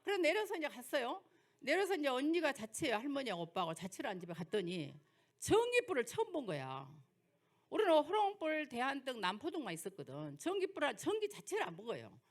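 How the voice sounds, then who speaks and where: Her voice is high-pitched and brisk, swooping wildly up and down. She's an older woman pastor from Jeolla, South Korea, whose Jeolla-accented sermon lecture moves through folksy personal tales and rhetorical questions.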